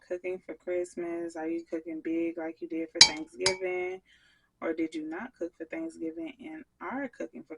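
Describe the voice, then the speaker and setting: Slow, gravelly woman vlogger chatting. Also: on the low side, fairly bright tone, rough recording. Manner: chatty, talks straight to viewers. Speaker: soap maker and vlogger. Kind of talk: casual chat while crafting.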